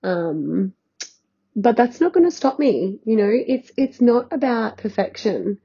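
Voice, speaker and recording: A woman with a stuffy, nasal voice from being sick talks slowly and unhurriedly in a casual solo podcast chat. Her tone is soft and mellow, and she rambles loosely as a healing coach would. The sound is slightly dull, like a lo-fi recording made at home on a bed. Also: on the high side, lively intonation, husky. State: nasal and congested from illness.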